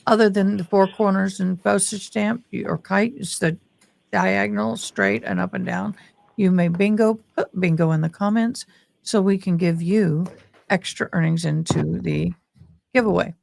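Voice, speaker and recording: A woman's voice: mid-range voice, normal speed, creaky, darkish tone, no echo. A woman hosting a livestream, chatting casually and directly to her viewers in a folksy way. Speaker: livestream host. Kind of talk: casual livestream chat and commentary.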